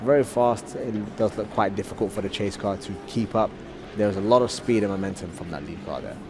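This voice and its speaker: A man giving live motorsport play-by-play commentary, explaining things in a measured, casual way. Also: on the low side. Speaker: commentator and drift driver. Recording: clear outdoor vehicle noise. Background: cars and outdoor ambience.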